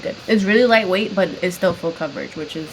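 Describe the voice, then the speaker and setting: Blunt slangy woman, lowish voice. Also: fast talker, noisy background. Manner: blunt, slangy, swears freely. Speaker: co-host. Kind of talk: casual chat.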